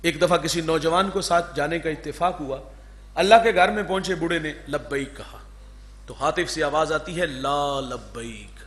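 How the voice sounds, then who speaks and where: A man preaching an Urdu sermon. His voice sits high and rings with force. He swings between loud fervor and hushed storytelling. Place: mosque gathering, over a sound system.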